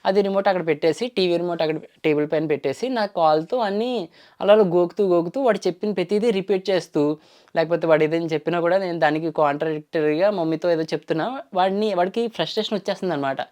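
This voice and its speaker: A man's voice: high-pitched, fast, a little mellow. Young male YouTuber, casual storyteller, rambles, restarts often. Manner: rambling, with frequent restarts and fillers.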